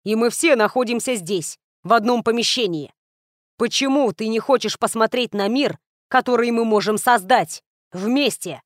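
A woman voicing an arrogant young male necromancer who yells his case. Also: a little high, normal speed, no room sound, studio quality, close to an everyday voice. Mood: yelling. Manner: yelling, persuasive.

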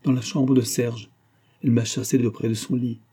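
A man's voice: mid-range voice, level tone, normal speed, dark tone, breathy edge, natural voice. A man voicing an old, grieving female servant who pleads in a muffled voice in a storybook reading. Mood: aggrieved.

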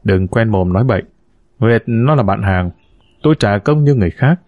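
A glib, scheming husband from a spoken story, read out by a male narrator in his own steady voice. He talks smoothly and persuasively, always trying to win people over. The sound is dry and close, with no room around it. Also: fairly low pitch, normal speed, no echo, phone-quality sound. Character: smooth-talking scheming husband, a con man.

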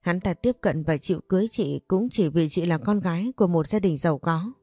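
A woman's voice: fairly low pitch, brisk, darkish tone, dry recording. Woman voicing a heartbroken betrayed young wife. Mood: despairing. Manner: anguished, pleading.

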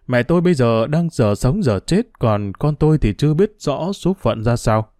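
A man's voice: mid-range voice, expressive, normal speed, warm tone, no echo, studio quality, natural voice. A man voicing a young father searching for his kidnapped child, earnest and restrained, pressing with questions.

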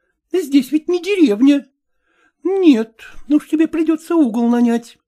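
A woman voicing a sharp, scornful city housemaid who scolds and exclaims. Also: high voice, lively intonation, unhurried, voice pushed up. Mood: scolding.

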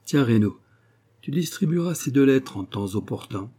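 A man voicing a suave, cocky gentleman burglar in an audiobook, brisk and commanding, with a mocking edge. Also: mid-range voice, expressive, husky. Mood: urgent brisk. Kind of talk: audiobook character voice.

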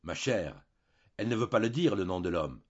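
Male reader as an angry proud husband, loud and exasperated, husky, muffled sound. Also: lowish voice, sing-song, quick pace, full character voice. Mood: furious. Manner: shouting, exasperated.

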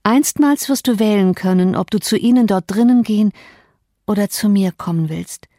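A woman's voice: medium pitch, moderate pace, mellow, dry recording, clean studio sound, close to an everyday voice. A woman voicing a feverish, delirious young woman who speaks in a raised, exalted, pleading way. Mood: bitter.

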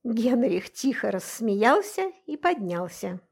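A woman narrating a first-person audiobook in an expressive, measured way. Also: a little high, gravelly, breathy edge.

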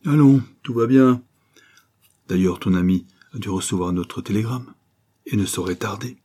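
A man's voice: lowish voice, moderate pace, warm tone, husky. A man reading an audiobook, voicing a scheming, ruthless adventuress who speaks in a biting, commanding way.

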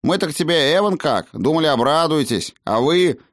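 A man's voice: a little high, lively intonation, moderate pace, fairly bright tone, no echo, clean studio sound, voice pushed up. A man voicing a touchy, cheeky young halfling man in an audiobook. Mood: indignant.

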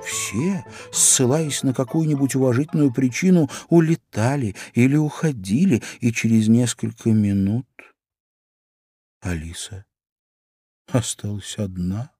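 Slow, deliberate male storyteller, lively intonation, faint music behind. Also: medium pitch, slightly rough, no echo. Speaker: narrator. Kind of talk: audiobook narration.

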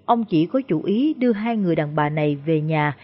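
A woman narrating a ghost story in a steady, even way. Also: sits low, a little fast. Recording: dull lo-fi recording.

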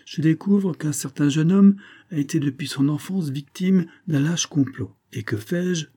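A man reading the part of a scheming, smooth-talking middle-aged army major, pompous and theatrical, mock-affectionate toward his wife. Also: a little high, unhurried, mellow, pitched above the performer's own voice.

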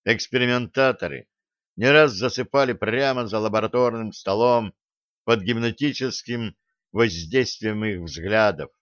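A man narrating a science-fiction audiobook in an even, steady reading voice. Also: on the low side, measured pace, no room sound. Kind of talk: scripted narration. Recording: dull lo-fi audio.

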